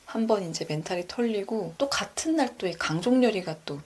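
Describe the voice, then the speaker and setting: A woman casually retelling drama scenes to her viewers, speaking softly and often half-whispering. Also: medium pitch, expressive, fairly quick. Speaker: channel host.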